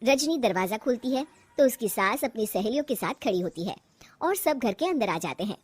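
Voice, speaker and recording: A woman narrating a cartoon story in an expressive storybook manner. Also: on the high side, normal speed, husky, no room sound.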